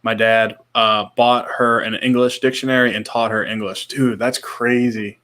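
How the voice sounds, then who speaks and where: Flat in delivery and a bit bright, a mid-range male voice moves at a moderate pace. The speaker, in his thirties, co-hosts a casual podcast, chatting in a relaxed, slangy manner with brief repeated reactions and occasionally reading out comments.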